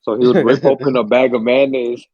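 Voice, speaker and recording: Under the weather and a bit stuffy from a cold, a young man co-hosts a podcast, rambling through stories in relaxed chat and cursing freely. His mid-range voice is level, fairly quick, and slightly rough, recorded with no room sound and the highs cut off.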